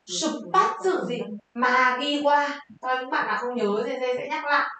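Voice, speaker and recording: A high-voiced woman teaches Japanese exam vocabulary. She quizzes her viewers and answers her own questions in a lively, chatty way. Her voice rings out in a strongly echoing room. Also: moderate pace. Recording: very echoey room.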